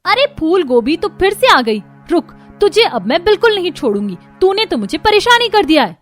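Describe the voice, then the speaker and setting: A woman voicing a panicky young daughter-in-law who shouts frantically in a cartoon story. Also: very high-pitched, big pitch swings, moderate pace, soft background music, pitched above the performer's own voice. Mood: frantic.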